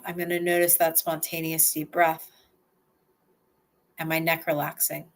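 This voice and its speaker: A woman with a deep voice and little pitch movement leads a slow guided relaxation. She talks gently in the first person, with pauses for breathing and sighing.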